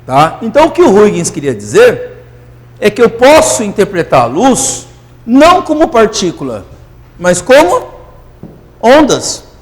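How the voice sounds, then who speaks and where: A man teaching physics in a classroom lecture, euphoric and animated, constantly checking that students follow. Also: high voice, unhurried, long pauses, big-room sound.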